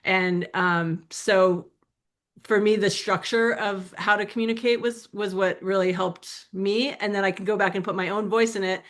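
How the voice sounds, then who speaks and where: A woman's voice: mid-range voice, steady tone, moderate pace, fairly bright tone. A woman speaking as a guest in a casual interview, chatty and full of little fillers.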